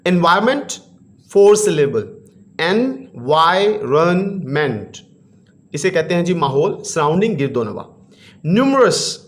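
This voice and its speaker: A man teaching a school lesson to children, reading each English sentence slowly and then explaining it in his own language. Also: sits high. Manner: calls listeners children, sing-song stress on English words.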